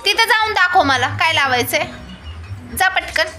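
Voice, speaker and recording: A very high-pitched woman with a bouncy, animated voice, talking to her phone camera at home. She coaxes and scolds her little ones in a casual family vlog, with music playing behind her. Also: moderate pace. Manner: coaxing and scolding small children. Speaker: mother filming her children.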